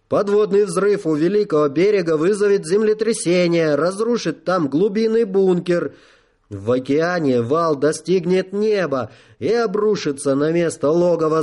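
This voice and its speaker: A man doing a shrill cowardly general. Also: a little mellow, lightly acted. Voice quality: shrill falsetto. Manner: frantic, insistent.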